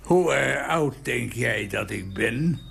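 An elderly man voicing a loud, boastful ninety-one-year-old man with a cane who is eager for attention. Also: mid-range voice, lively intonation, slow pace, gravelly, husky, heavily acted.

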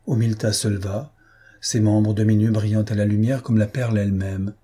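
A man narrating a classic novel in a measured, steady storytelling manner. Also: fairly low pitch, breathy edge. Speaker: audiobook narrator. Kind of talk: scripted narration.

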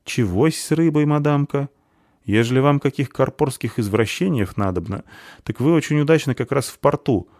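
A man's voice: mid-range voice, moderate pace, a little mellow, no echo, studio quality, voice pushed up, natural voice. A man voicing a coarse, tattooed half-orc tavern waitress with rustic, folksy speech in an audiobook. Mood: brusque. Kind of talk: audiobook character voice.

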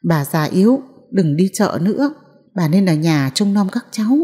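A woman voicing a caring young daughter-in-law who speaks softly and pleads gently. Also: on the low side, lively intonation, moderate pace, long reverb tail, natural voice. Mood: pleading.

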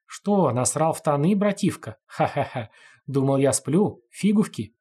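A man's voice: animated, measured pace, mellow, husky. A man voicing a crazed, mocking man who giggles and lisps, in a storybook reading. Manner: shrill mocking giggles, lisping.

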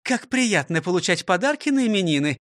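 A man voicing a cheerful, fussy elderly schoolteacher woman who exclaims brightly. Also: high-pitched, sing-song, a little fast, dry recording, studio quality, pitched above the performer's own voice. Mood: delighted. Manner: chirpy, exclaiming.

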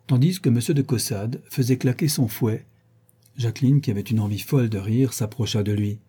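A man reading a classic novel aloud as audiobook narration, measured and even. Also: mid-range voice, husky. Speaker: audiobook reader. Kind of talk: scripted narration.

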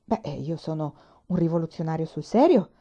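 Cool, offhand young student rebel, mellow lo-fi sound; a woman reads him. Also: low voice, fairly quick. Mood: calm. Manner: calm, indifferent. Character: young male revolutionary student, calm. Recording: dull lo-fi recording.

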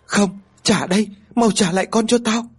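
A man voicing a grieving young mother who seems possessed, crying out in shrill pleas. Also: fairly even intonation, normal speed, slightly rough. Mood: frantic. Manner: shrill pleading cries.

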